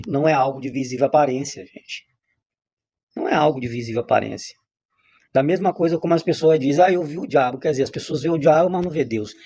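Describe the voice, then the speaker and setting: Husky-voiced man teaching on scripture. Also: mid-range voice, darkish tone. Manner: repetitive, emphatic, with frequent restarts. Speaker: religious teacher. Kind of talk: spontaneous spiritual teaching monologue.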